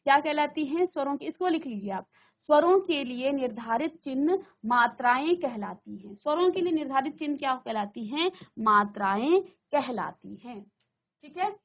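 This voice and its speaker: A woman teaching a Hindi grammar lesson in a virtual classroom. She asks the students questions, answers them herself, and slows down to stress the example words. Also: sits high, narrow, tinny audio.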